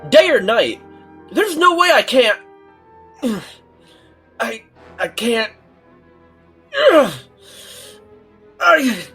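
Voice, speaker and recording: Casting: brash, boastful young hedgehog hero played by a woman, lively swooping delivery, music underneath. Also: a little high, extremely slow, long pauses, husky, exaggerated voice. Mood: anguished. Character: cocky, daring young male hedgehog hero, restless and brash. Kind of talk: fan audiobook character acting.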